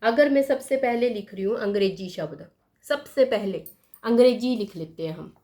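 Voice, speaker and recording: A woman teaching a lesson, writing words on a board and repeating each one slowly, often asking her pupils questions. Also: on the high side, dark tone. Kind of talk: slow classroom explanation at a board.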